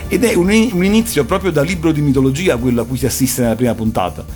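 A man's voice: mid-range voice, fast. A man giving an erudite, didactic commentary on animation. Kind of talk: explanatory talk, analysing cartoons. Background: soft music.

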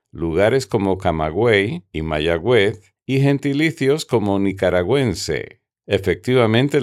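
A man with a fairly low voice hosts a radio segment and reads a prepared lesson. His delivery is methodical and instructive, and he lists his points in careful order. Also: a little mellow. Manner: methodical, didactic, enumerating examples. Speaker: radio host.

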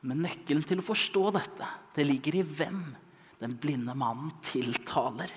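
Young guy preaching, bit high voice, dramatic storyteller going loud then hushed, long echoey church reverb. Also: slight background noise. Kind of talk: sermon. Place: church service hall.

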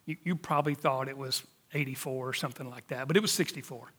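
A man's voice: mid-range voice, fairly even intonation, quick pace, fairly bright tone, slightly rough, long reverb tail. A man, preaching a sermon emphatically and sometimes dropping to a near-whisper for emphasis. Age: 50s. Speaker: pastor.

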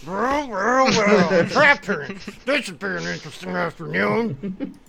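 A performer voicing a large, smug male fire dragon with a rumbling, sizing-up delivery in a story read aloud. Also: animated, slow pace, vocal fry, a crowd in the background. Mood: smug, appraising. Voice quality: deep rumbling voice. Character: large muscular masked male Charizard, smug, appraising.

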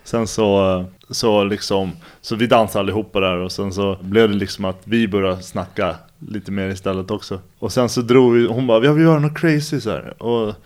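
A man in his thirties, a guest on an interview show, telling stories in relaxed, rambling conversation full of fillers and slang. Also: on the low side, hardly any pauses. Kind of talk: casual conversational storytelling.

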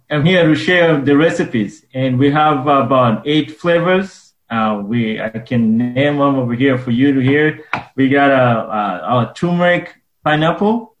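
A man from Uganda, speaking earnestly and haltingly as a guest in a radio interview. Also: mid-range voice, reverberant, lo-fi sound. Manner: earnest, halting with frequent pauses. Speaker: guest, wellness business owner.

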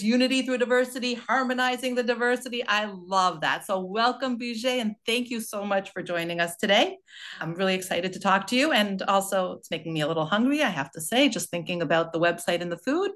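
A woman's voice: mid-range voice, a little fast, bright, forceful tone. A woman hosting a podcast, introducing her guest and asking questions with enthusiasm. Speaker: podcast host. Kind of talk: podcast interview.

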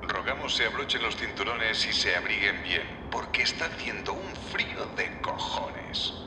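A man playing an airline captain making a formal cabin announcement over the plane's loudspeaker, from far off in an echoey space with engine noise. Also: fairly low pitch, lively intonation, moderate pace. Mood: formal, cheeky. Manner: formal announcer delivery, cheeky. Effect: airplane cabin loudspeaker announcement. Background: vehicle engine noise.

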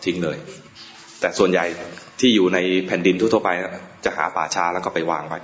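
Low-voiced monk giving a roomy Dhamma talk. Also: male voice, steady tone. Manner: chatty storytelling, pauses often. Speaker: Buddhist monk teaching laypeople. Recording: roomy, dull lo-fi recording.

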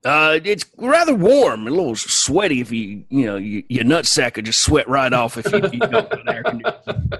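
A man's voice: on the high side, huge pitch swings, moderate pace, a bit bright, breathy edge, no echo, exaggerated voice. A man co-hosting a podcast, playing a boastful, crude Southern space crewman who rambles through a recap, full of fillers and restarts. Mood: rambling. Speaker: podcast co-host. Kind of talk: comic in-character recap.

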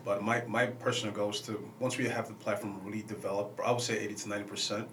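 A man's voice: on the low side, level tone, quick pace, a bit bright. A man speaking as a startup founder on a casual panel, informal and personal, with stammered restarts. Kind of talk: casual panel interview answers. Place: echoey room, radio show recording. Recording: echoey room with slight noise.

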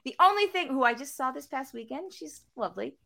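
A woman co-hosting a podcast in casual chat, talkative and quick to laugh. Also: sits high, lively intonation, gravelly, bright, forceful tone. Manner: chatty, laughs often. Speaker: podcast co-host.

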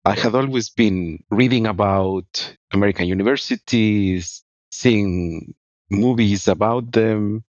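A man's voice: on the low side, slow, darkish tone, dry recording. Ecuadorian man, dry muffled recording. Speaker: guest researcher. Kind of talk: interview answers. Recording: dry, dull lo-fi sound.

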